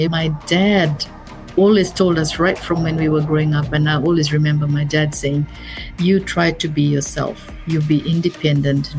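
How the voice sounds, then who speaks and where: A woman's voice: low voice, darkish tone. A middle-aged woman from Fiji with a Fijian accent, a business advisor speaking earnestly as a guest, often repeating and restarting her words. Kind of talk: interview conversation.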